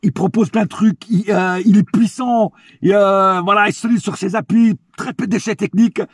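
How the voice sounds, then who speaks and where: A man's voice: high-pitched, fairly even intonation, moderate pace, slightly rough, dry recording, clean studio sound. A man giving a casual, slangy solo football debrief, ranting bluntly with some swearing and repeating phrases for emphasis. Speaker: football fan vlogger giving player ratings.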